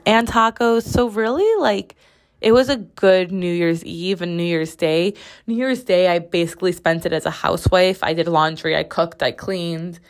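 Recording in her bathroom at home, a young podcast host chats casually on her own, rambling loosely and saying "like" a lot. Her voice sits lowish and carries a slight rasp as it comes back after being lost.

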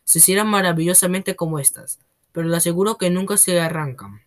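A bullying headmistress from a read-aloud storybook, roaring and scornful, put on by the reader. The pitch sits in a plain middle range. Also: fairly quick, natural voice. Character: bullying, tyrannical headmistress, woman.

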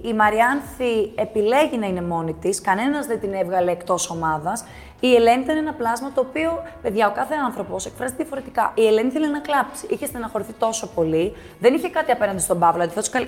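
A young woman from Greece talks as a guest on a chat show, spinning her story with animated energy. Her voice sits a little high and she acts out the lines of the people in her story. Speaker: guest, former reality show contestant. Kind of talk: casual chat.

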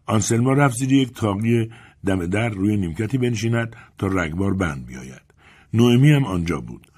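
A man narrating an audiobook in a calm, measured storytelling manner. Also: low voice, slightly rough. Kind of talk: scripted narration.

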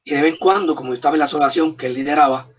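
A man's voice: on the high side, very fast, husky. A man with a Puerto Rican accent, a comics artist telling stories and giving emphatic, punchy advice in a casual interview. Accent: Puerto Rican Spanish. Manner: emphatic, gives punchy advice in short commands. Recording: distant, dull, muffled mic.

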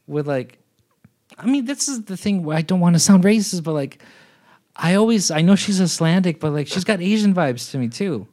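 Co-hosting a podcast, a man chats casually in a high, mellow voice that's expressive and fairly quick. He rambles along with plenty of fillers and false starts.

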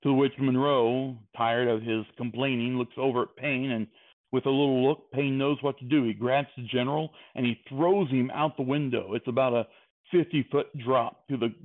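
A man improvising a comic story as a storyteller, rambling along and correcting himself as he goes. His voice sits in a middle pitch. It comes through a thin, phone-like line. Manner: rambling, self-correcting narration. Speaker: comedy storyteller.

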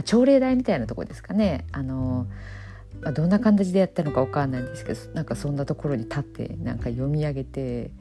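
Woman, 50s, Okayama dialect; deep mellow tone, unhurried reflective monologue with soft fillers. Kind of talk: casual solo monologue.

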